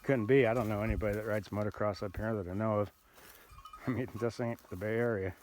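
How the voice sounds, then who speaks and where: Older man, low-voiced rambling storyteller. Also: steady tone, fast, darkish tone, slight background noise. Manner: rambling, easygoing storytelling with many "uh"s. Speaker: bikepacker vlogger. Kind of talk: casual outdoor vlog narration. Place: outdoors on a remote mountain dirt road.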